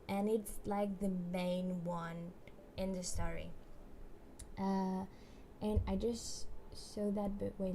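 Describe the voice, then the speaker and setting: A woman chats casually on a livestream, thinking aloud and restarting her sentences. Her voice is mellow and her pace unhurried. A faint hum sits under the recording. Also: medium pitch, vocal fry. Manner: hesitant, many fillers and restarts. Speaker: streamer.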